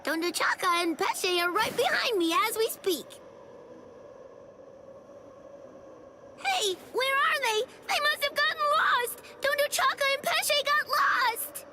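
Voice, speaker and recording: A woman voicing an affectionate, excitable little girl with a childish, babbling way of talking in an anime game dub. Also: very high-pitched, measured pace, few pauses, a little hiss or hum, full character voice. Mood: innocent chatter.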